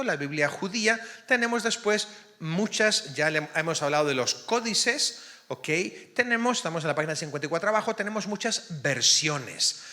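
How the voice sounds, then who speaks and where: Lively priest teaching Bible class in echoey hall. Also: male voice, fairly high pitch. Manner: keeps checking in with the class, asking "ok?". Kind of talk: parish Bible study lecture. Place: parish hall or church classroom. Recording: long reverb of a church hall.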